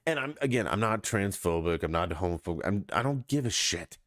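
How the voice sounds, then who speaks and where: Male podcast host, blunt casual rant, swearing, scoffing, lively swooping intonation, dry close sound. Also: low voice, fairly quick, no echo. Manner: blunt, profane and scoffing, with mocking quoted asides. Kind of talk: casual opinion monologue.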